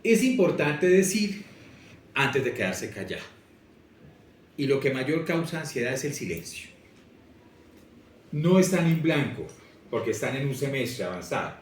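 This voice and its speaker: A man, a language teacher giving a lively, expressive lecture straight to his students. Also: medium pitch, a little slow, long pauses, a little hiss or hum. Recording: echoey room, voice from far off.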